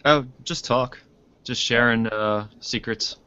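A man in his thirties chatting as a guest artist, halting and full of fillers. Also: mid-range voice, steady tone, background noise. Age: 30s. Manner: hesitant, lots of fillers. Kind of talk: casual chat on a video call. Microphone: video call. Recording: lo-fi video call audio.

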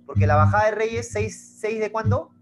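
A man's voice: high-pitched, normal speed, faint music behind. A male teacher giving an online class through his laptop, explaining patiently and often checking in with the students. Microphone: laptop microphone.

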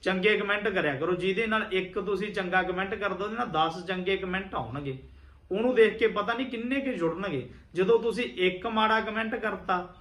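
Bright-voiced man giving earnest religious instruction. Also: high-pitched, echoey room. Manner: earnest, instructive, repeats key points. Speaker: Sikh religious teacher.

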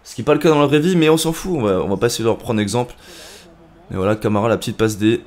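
A young man giving casual, rambling commentary on his football game career, with lots of fillers and excited shouts at goals. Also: medium pitch, rapid-fire. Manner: chatty, rambling, many fillers. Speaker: gaming YouTuber.

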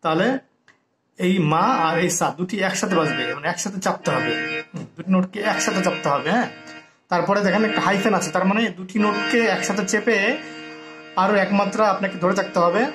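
A man's voice: sits high, brisk, music in the background. A man teaching harmonium step by step, patiently explaining the notation and singing note names as he plays. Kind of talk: step-by-step music lesson. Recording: echoey room with harmonium playing.

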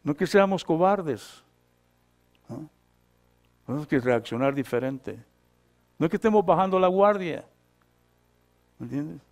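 A man, the pastor, preaching a sermon, who keeps checking in with short questions and swings between loud, emphatic lines and quiet asides. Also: fairly high pitch, animated, a little slow, pauses often. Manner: repeats scripture references for the congregation.

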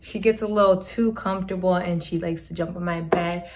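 A woman vlogging casually at home, talking excitedly to her viewers in a phone video recording. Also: fairly low pitch, a little fast, noisy background. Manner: chatty, excited, addresses viewers as guys. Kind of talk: casual vlog talk to viewers. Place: at home indoors. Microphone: phone camera.

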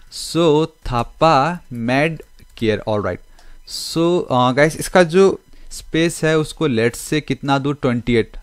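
A man's voice: mid-range voice, dry recording, studio quality. A man hosting a casual coding tutorial, chatting through his screen as he works and often mixing English into his Hindi. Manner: chatty Hindi-English code-switching, keeps saying okay and guys.

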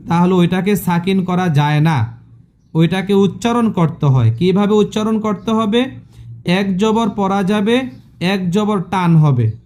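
A man leads a live online Quran lesson in a fairly high voice. He speaks slowly and repeats each rule, and he stops often to quiz his students. It sounds like a patient classroom drill. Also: a little mellow. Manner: slow, repetitive drilling with questions to students. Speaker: Quran recitation teacher.

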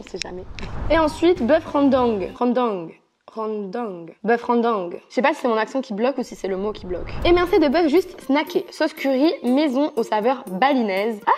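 A woman's voice: a little high, darkish tone. Bubbly young french vlogger woman. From France. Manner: bubbly, chatty, self-mocking. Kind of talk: casual chat to camera. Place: at home, indoors.

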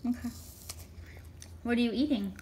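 Woman, somewhat high voice, patient, sing-song prompting, caregiver with a small child, indoors at home, hidden camera. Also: normal speed, a little hiss or hum. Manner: gentle, coaxing, sing-song questions. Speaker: caregiver teaching a toddler.

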